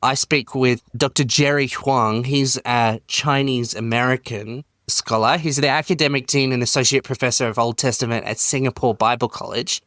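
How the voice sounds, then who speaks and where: An Australian man from Queensland hosts a podcast in a friendly, upbeat way. His voice is mid-pitched and the sound is dry and close. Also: fairly even intonation, normal speed, hardly any pauses, a bit bright, no room sound. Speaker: podcast host. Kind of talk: casual podcast chat.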